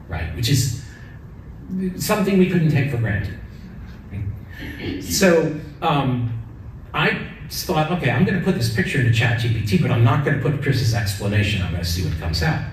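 Middle-aged male keynote speaker, personal and earnest, distant echoey hall recording with faint noise. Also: medium pitch. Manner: personal, earnest, tag questions "right?". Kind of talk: conference keynote talk. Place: large conference hall, at a lectern. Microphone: lectern mic, recorded from the audience.

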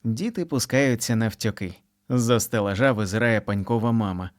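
A man reading a children's picture book aloud with expressive, sing-song storytelling. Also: on the low side, normal speed.

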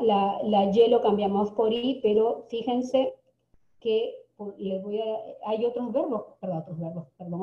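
Slow, deliberate woman teacher in an echoey room. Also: medium pitch. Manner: repeats words slowly, checks in with frequent "ok?". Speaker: English teacher. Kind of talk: classroom lesson. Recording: echoey, dull lo-fi recording.

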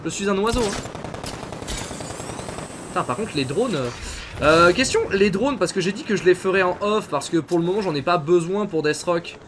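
A man's voice: sits high, lively intonation, normal speed, pauses often, fairly bright tone, a little hiss or hum. A man from France commentating his gameplay, chatting and swearing at his viewers. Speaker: gaming streamer. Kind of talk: let's play commentary. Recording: game sound mixed behind voice.

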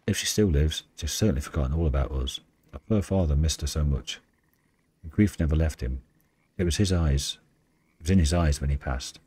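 A man's voice: a bass voice, a little fast, warm tone, breathy edge. A man voicing a wistful, ancient female dryad from a video game, telling the story solemnly. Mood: sorrowful. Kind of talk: video game dialogue read aloud.

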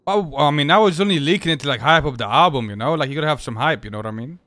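A man's voice: a little high, rapid-fire, sharp tone, no room sound, studio quality. A man playing a flustered underling musician in an improvised game role-play, hesitant and stammering as he pleads and makes excuses. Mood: defensive, flustered.

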